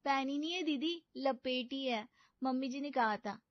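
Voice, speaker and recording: A woman's voice: sits high, a little slow, no echo, dull audio. A woman voicing a naive, dim-witted young bride who talks innocently and sweetly in a cartoon story.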